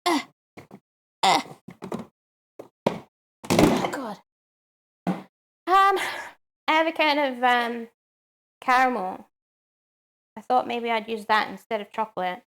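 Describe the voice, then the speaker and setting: A woman's voice: fairly high pitch, slow pace, long pauses, fairly bright tone, a little hiss or hum. A woman chatting casually on a live stream while she cooks at home, answering chat with lots of "um"s.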